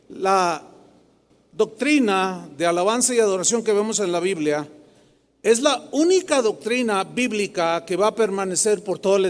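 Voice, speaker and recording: High-voiced Mexican pastor preaching in a hall. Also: male voice. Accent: Mexican Spanish. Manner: animated, asks the crowd questions, confrontational. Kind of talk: sermon. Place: large hall with a live congregation. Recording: long hall reverb.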